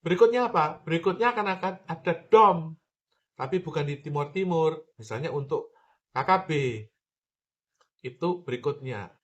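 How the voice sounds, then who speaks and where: A man's voice: a little high, normal speed, pauses often, a bit bright, lo-fi sound. A man giving a political commentary monologue, emphatic, repeating his points and addressing the listener directly.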